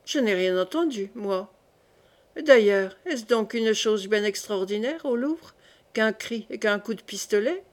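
A woman reading the lines of a cold, imperious aging queen mother, calm and dismissive. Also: medium pitch, a little slow, close to an everyday voice. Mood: commanding.

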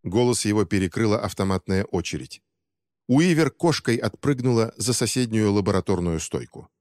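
A man with a fairly low voice reads an audiobook in steady, dramatic scripted narration. His voice sounds close and dry, yet each phrase trails into a long reverb. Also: normal speed.

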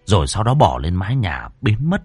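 A man's voice: sits low, wildly swooping pitch, brisk, a little mellow, breathy edge, no echo. A man reading a ghost story aloud with a dramatic, swooping delivery.

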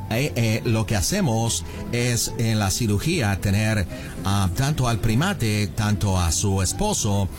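A man plays an earnest, low-voiced doctor in his Spanish. He explains things haltingly in a prank phone call and drops in English words, with clear music in the background. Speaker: prank caller.

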